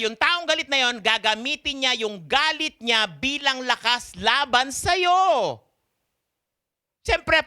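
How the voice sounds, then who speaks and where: A Filipino man preaching a sermon in a mix of Tagalog and English, often asking his listeners questions. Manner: mixes Tagalog and English, asks the congregation questions; slow, emphatic delivery with sharp swings in pitch and volume.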